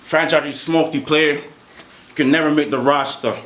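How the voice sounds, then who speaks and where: A man delivering a confrontational battle rap verse live, steady rhymes with the odd stumble and laugh. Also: a little high, normal speed. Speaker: battle rapper. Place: live battle rap event in a roomy venue. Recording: roomy live venue with crowd noise.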